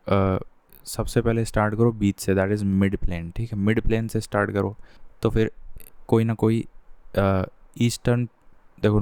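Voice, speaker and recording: A man, teaching an exam-prep lesson in a casual way. He reads quiz questions aloud slowly, then talks the answers through with students. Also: lowish voice, mellow, clean tone, no room sound. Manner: slows down to read questions aloud, then chats quickly.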